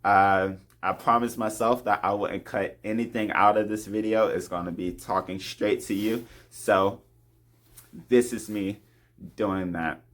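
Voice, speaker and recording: A man with a low, steady voice speaks unhurriedly to camera in a confessional devotional talk. He is earnest and open about his faith and lets out soft laughs between thoughts.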